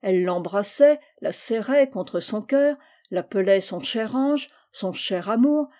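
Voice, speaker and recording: A woman reading a classic children's novel aloud with expressive, lively storytelling. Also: medium pitch, slow. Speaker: reader.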